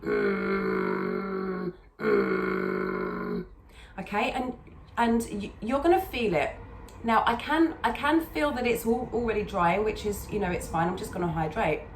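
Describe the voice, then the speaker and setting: A woman's voice: a little high, moderate pace, slight background noise. A woman speaking as a singing teacher in a conversational tutorial, instructional and repeating words for emphasis. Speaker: singing teacher and video host. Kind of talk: conversational vocal technique tutorial. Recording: echoey, roomy sound.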